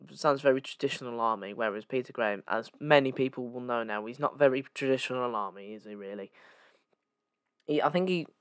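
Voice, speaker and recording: A man's voice: mid-range voice, fairly bright tone, dry recording, clean studio sound. A young man hosting a casual podcast on his own, rambling along with lots of fillers and restarts as he corrects himself. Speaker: podcast host. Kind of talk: casual solo podcast chat.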